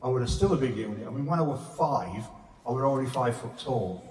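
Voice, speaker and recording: A man's voice: medium pitch, lively intonation, a little fast, darkish tone. A man in his fifties with a Sheffield accent, doing a blunt, sweary, rambling stand-up set in a pub. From England. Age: 50s. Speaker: stand-up comedian. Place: pub function room. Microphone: stage mic with reverb. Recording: echoey reverb room from far off.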